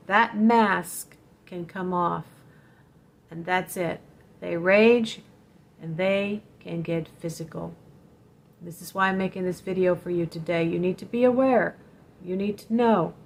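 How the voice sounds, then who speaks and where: A woman's voice: mid-range voice, measured pace. A woman hosting a vlog, telling a personal story in an earnest, direct way and warning her viewers. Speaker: spiritual channel host telling a personal story.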